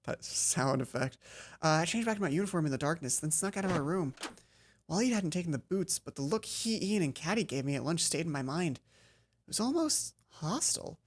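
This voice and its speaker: A let's play host with a deep, expressive voice reads a visual novel game aloud at a brisk clip. She trips over the text and keeps breaking off into casual, exasperated commentary.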